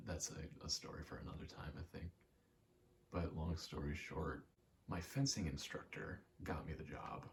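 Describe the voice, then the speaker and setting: Gaming while making ASMR content, a young man's voice rumbles low and gravelly through a loose, wandering ramble in which he keeps understatedly cutting himself off. A little hiss or hum sits under the recording.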